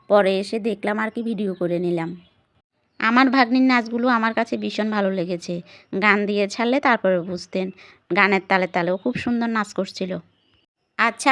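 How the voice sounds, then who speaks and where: Young lady doing chatty vlogger narration, highish voice, no room echo. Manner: chatty vlogger, sharing family moments and asking viewers questions. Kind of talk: vlog voice-over narration addressed to viewers.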